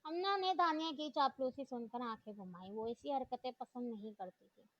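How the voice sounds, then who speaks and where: Woman, narrating a novel, steady storytelling, slightly high, muffled lo-fi recording. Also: moderate pace. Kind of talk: reading a novel aloud. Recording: dull dry lo-fi recording.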